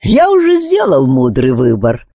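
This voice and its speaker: A woman voicing a calm, wise male sorcerer who speaks unhurriedly with gentle irony. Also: low voice, unhurried, husky, no echo, clean studio sound, pitched above the performer's own voice, heavily acted.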